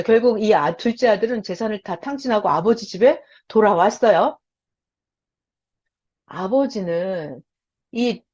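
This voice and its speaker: A woman's voice: fairly high pitch, slightly rough. A woman teaching a lecture for beginners, telling a story with animation and putting questions to her listeners, on a lo-fi recording. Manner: animated storytelling, quizzing the audience. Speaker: Bible teacher. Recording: lo-fi dull recording.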